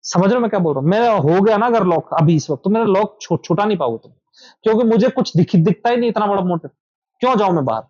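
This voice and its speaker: A fast-talking man with a high, slightly mellow voice guides a small group through meditation in an informal talk in an indoor meetup room. Repetitive and instructive, he speaks to listeners directly; the sound is dull and echo-free.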